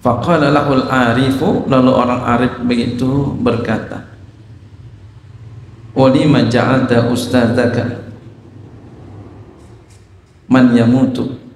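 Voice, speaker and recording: A man's voice: medium pitch, flat delivery, takes it slowly, long pauses, darkish tone, slight background noise. A man giving a sermon, explaining Arabic text phrase by phrase and asking his listeners questions. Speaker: Islamic teacher. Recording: echoey hall.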